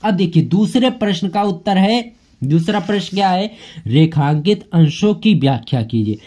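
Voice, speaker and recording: Teacher, exam-prep lesson, friendly classroom tone, slow deliberate verse reading. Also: medium pitch, lively intonation, mellow. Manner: reads quoted passages and verse slowly and deliberately; friendly, addresses students as friends, often checks in with "okay".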